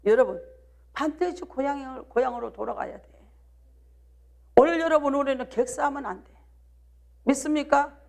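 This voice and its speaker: A woman's voice: high voice, normal speed, creaky, pauses often, darkish tone. A woman pastor from South Jeolla with a Jeolla accent, preaching a live midweek sermon and pressing the congregation with rhetorical questions and calls of "do you believe?". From South Jeolla, Korea.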